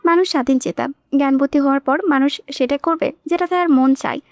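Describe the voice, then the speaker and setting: A woman narrates a romantic novel in a high, clear voice. The recording is close and dry, with no room sound. She gives the characters' lines a touch of their own tone. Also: a little fast, no echo. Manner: reads all characters herself, shifting tone for quoted lines. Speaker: audiobook narrator.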